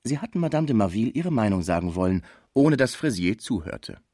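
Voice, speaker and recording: A male audiobook narrator with a low, lively voice reads a classic novel with expressive storytelling. The recording is dry and close to the mic, with no room sound. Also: fairly quick, no echo. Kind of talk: audiobook reading.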